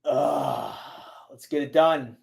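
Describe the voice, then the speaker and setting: A man hosting a casual sports livestream, talking to his viewers in a hurried, urgent way. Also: on the high side, wildly swooping pitch, gravelly, a little mellow, husky.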